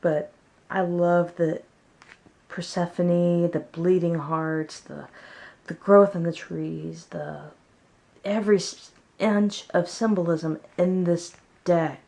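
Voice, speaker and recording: A woman's voice: lowish voice, steady tone, takes it slowly, gravelly, dark tone. A woman chatting casually at home as she presents her favorites in a vlog. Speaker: tarot deck reviewer.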